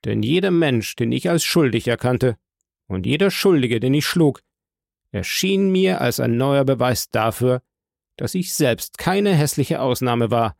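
A man's voice: medium pitch, unhurried, gravelly, long pauses, darkish tone, no echo. A man playing a stern state prosecutor who argues with dry firmness and feverish rhetoric. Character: stern, bitter male state prosecutor, fervent.

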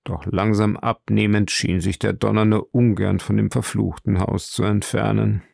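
A man narrating an audiobook in a measured, dramatic way. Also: on the low side, little pitch movement, gravelly, darkish tone, dry recording, studio quality.

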